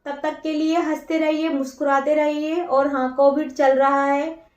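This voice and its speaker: A woman teacher with a high but darkish, level voice dictates revision notes a little slowly, repeating each phrase word by word and answering questions she poses to herself. The recording is muffled and echoey, her voice far from the microphone.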